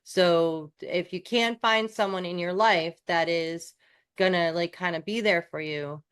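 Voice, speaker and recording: A woman's voice: fairly low pitch, unhurried, fairly bright tone, clear, resonant tone. A woman from New York co-hosting a coaching podcast, chatting casually with restarts and self-deprecating asides.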